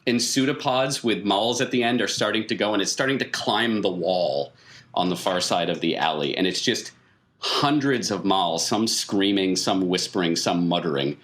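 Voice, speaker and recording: An American man from a small town in Maine improvises narration for a tabletop game as its game master, piecing each scene together in halting steps. His voice is low with a fairly bright tone.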